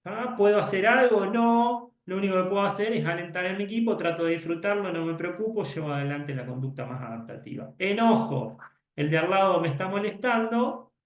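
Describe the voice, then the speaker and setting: A man gives a conference lecture as a psychologist, speaking in a somewhat high voice. He explains step by step and slips into little acted dialogues, correcting himself as he goes. The sound carries a noticeable room echo. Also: animated, a little fast.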